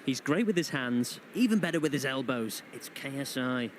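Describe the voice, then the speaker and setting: His medium-pitched, expressive voice moves at a normal pace as he jokes his way through live football commentary, quipping and punning as the match commentator. Outdoor ambient noise is clearly audible.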